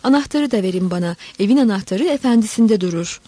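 A woman voicing a frail, embittered middle-aged male schoolteacher who shouts in weak, shrill fury. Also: animated, fast talker, dry recording, natural voice. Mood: shrill anger.

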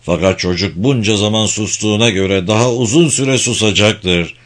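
A man voicing a bitter, lonely old man who talks to himself in a low, brooding way in an audiobook. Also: normal speed, close to an everyday voice.

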